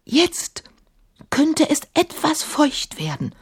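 A woman's voice: high voice, sing-song, slow, pitched above the performer's own voice, full character voice. A woman voicing a sentimental, apologetic male genie who whispers and murmurs secretively, in a radio drama reading. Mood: whispering.

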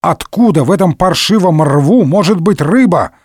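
A man voicing an excitable young Gascon musketeer in a comic audiobook. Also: medium pitch, moderate pace, dry recording, studio quality. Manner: excitable, exclamatory.

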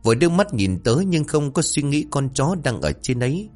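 A man narrating a horror story in a dramatic, animated storytelling manner. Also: fairly high pitch, fairly quick. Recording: faint background music.

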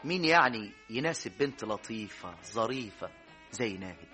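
An actor playing a blunt, joking bachelor brother on a bride visit, in a radio comedy. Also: male voice, fairly low pitch, lively intonation, bright, forceful tone, soft background music. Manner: quick, joking and grumbling. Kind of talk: Egyptian radio comedy drama acting.

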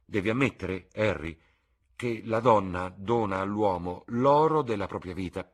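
A man voicing an earnest, impulsive young man in an audiobook reading, with a husky voice and an eager, emphatic delivery. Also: on the low side, unhurried, pitched above the performer's own voice.

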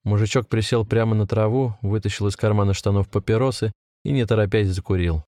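A man reading a story aloud in a steady, measured audiobook narration on a close mic. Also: fairly low pitch, dry recording.

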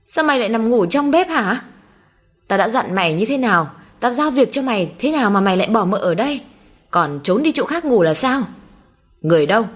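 Storybook figure: woman voicing a young master, furious, raised scolding voice, quick. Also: a little high, voice pushed up. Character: furious young master of a rich household, male.

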